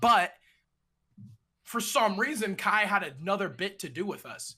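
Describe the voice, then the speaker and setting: A young man tells a story in a relaxed conversation, with a bright, slightly sharp tone. He talks in a slangy, animated way and slips into the voices of other people as he recounts what happened. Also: high-pitched, a little slow, slightly rough. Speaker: streamer guest.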